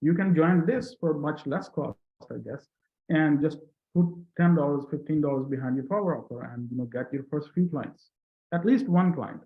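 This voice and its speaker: In an echoey room over a tinny call connection, a fairly high-pitched man recounts what coaching did for him. English isn't his native language; he speaks earnestly, stops and restarts, and his voice climbs on important figures. It's a testimonial video call chat, with him as a coaching client and guest.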